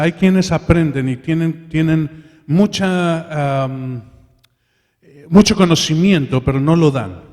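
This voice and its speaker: A man delivers a sermon from the pulpit, speaking in a fairly high voice. He addresses the congregation as brothers and leads them in prayer. His voice carries a long reverb from a large church hall. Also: a little mellow. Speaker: preacher.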